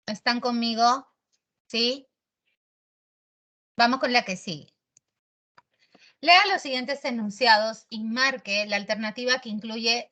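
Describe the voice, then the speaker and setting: A woman teaching an online grammar class in a lively, teasing, slangy way. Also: on the high side.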